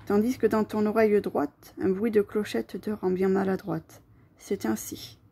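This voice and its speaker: A woman narrating a poetic story in a soft, breathy voice, speaking gently and lyrically straight to the listener. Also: medium pitch.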